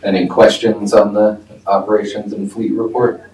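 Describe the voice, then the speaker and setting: A man's voice: lowish voice, level tone, normal speed, a little mellow. A man chairing a board meeting in casual talk, joking and laughing often. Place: meeting room. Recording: echoey room, distant mic, faint noise.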